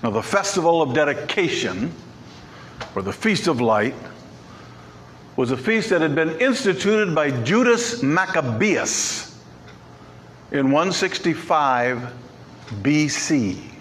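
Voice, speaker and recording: Pastor guy preaching in church, kinda high voice, repeats words for punch, bit of hiss. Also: lively intonation, takes it slowly, long pauses, fairly bright tone. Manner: emphatic, repeats key words. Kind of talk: sermon. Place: church sanctuary.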